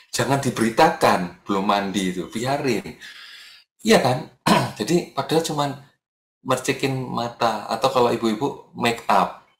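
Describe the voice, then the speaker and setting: A man preaching a casual morning sermon to his congregation, chatty and animated, acting out the people he quotes and dropping into soft murmured prayers. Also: medium pitch, echoey room. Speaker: evangelist preacher.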